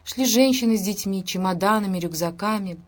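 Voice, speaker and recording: A woman's voice: mid-range voice, a little fast. Woman narrating an audiobook. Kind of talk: scripted narration.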